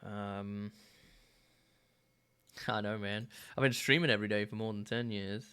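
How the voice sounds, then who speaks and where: A man in his thirties streaming a game, musing aloud in a relaxed way with plenty of fillers. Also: lowish voice, unhurried, clean tone. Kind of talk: casual gameplay commentary.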